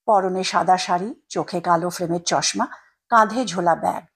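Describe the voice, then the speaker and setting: Breathy woman telling a story. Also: on the low side, normal speed. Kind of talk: scripted story narration.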